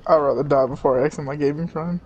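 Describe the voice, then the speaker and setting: A man's voice: on the high side, fairly even intonation, quick pace, highs cut off, heavy background noise. A man in casual gaming banter, joking and protesting to his friends. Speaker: gamer in a friend group.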